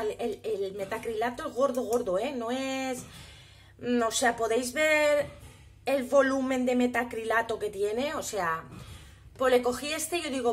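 High-voiced chatty Spanish woman showing makeup. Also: fairly bright tone. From Spain. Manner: chatty, often asks viewers to look. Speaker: beauty vlogger. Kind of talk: casual haul video.

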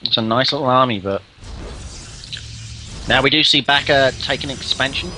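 A man casting a live video game match, getting excited at big plays. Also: medium pitch, moderate pace, a little hiss or hum. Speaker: esports caster.

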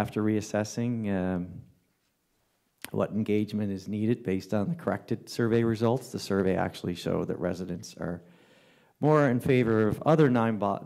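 A man delivering a town councillor's report at a council meeting, halting often with fillers and restarts. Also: lowish voice, vocal fry, a little mellow. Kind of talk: formal council report with ad-libbed remarks. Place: council chamber.

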